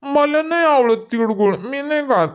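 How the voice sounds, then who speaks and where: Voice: sits high, lively intonation, moderate pace. An actor voicing a sulky, whiny little village boy in a cartoon comedy, speaking with a Vidarbha Marathi accent and complaining to his grandmother.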